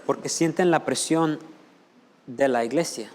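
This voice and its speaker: A man's voice: a little high, measured pace, a little mellow. A male pastor preaching a Spanish sermon, firing rhetorical questions at the congregation and mimicking people's voices. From United States. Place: church sanctuary. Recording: long hall reverb.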